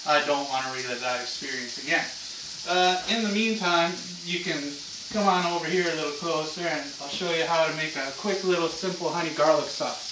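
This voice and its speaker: A man's voice: on the high side, a little fast, noisy background. A man giving a casual, unscripted cooking demonstration as host, with a loose, slangy, laid-back stoner-like way of talking, recorded in a home kitchen on a distant camera mic. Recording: muffled, echoey room, far from mic.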